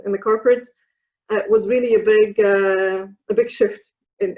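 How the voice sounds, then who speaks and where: Speaking with a Polish accent, a woman from Poland in her thirties responds carefully as an interview guest and former program participant, frequently restarting and using fillers. Her voice is medium-pitched, and the sound has a phone-like quality.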